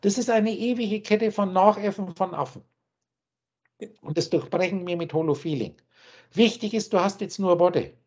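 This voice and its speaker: A man's voice: high voice, moderate pace, darkish tone, slightly rough. A man teaching spiritual ideas on a video call, emphatic and insistent, often repeating his key points. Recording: muffled lo-fi call audio.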